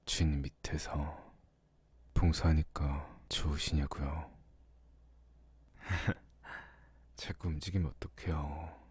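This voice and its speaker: A man playing a devoted, obedient, teasing young servant lover in an ASMR role-play, speaking in an intimate, deferential murmur with a husky low voice. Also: no room sound, heavily acted. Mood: hushed whisper.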